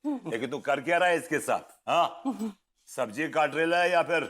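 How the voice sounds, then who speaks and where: An actor playing a swaggering, mock-menacing street tough with a Mumbai street-Hindi accent in a TV sitcom. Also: male voice, a little high, normal speed, fairly bright tone, natural voice. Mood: bullying. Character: menacing street-tough man spouting threats. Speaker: sitcom character.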